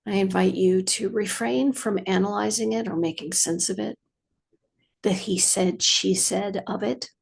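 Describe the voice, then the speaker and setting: A woman meditation teacher guides a practice in a measured, soothing manner, pausing at length. Her voice is mid-range and slightly husky.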